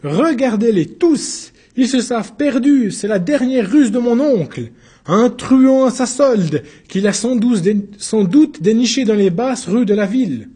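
A man voicing a desperate accused man on trial who shouts and pleads in his own defense. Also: high voice, animated, unhurried, husky, pitched above the performer's own voice, exaggerated voice. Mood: frantic.

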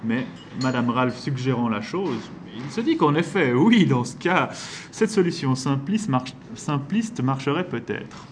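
A man narrating a novel in a steady, measured reading voice. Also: medium pitch, a little hiss or hum. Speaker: audiobook narrator.

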